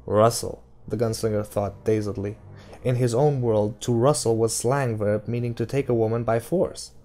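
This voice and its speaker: A man reading a novel aloud as a hobby audiobook, in a steady narration that slows for dramatic lines, then chatting to listeners. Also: mid-range voice. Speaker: audiobook reader.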